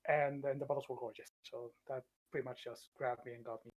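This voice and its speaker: A man from Spain, playful and animated in a casual interview. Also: medium pitch, fairly quick, muffled recording.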